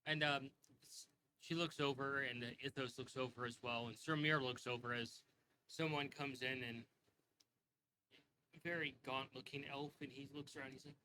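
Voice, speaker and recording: A man narrating a tabletop game as game master, relaxed and rambling with frequent fillers. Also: mid-range voice, normal speed, a little hiss or hum, rough recording.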